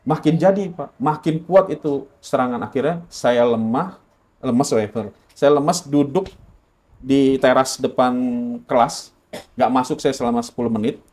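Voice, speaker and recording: A man's voice: medium pitch, moderate pace, a little mellow. A man from Indonesia telling his personal story in an interview, earnest and correcting himself often.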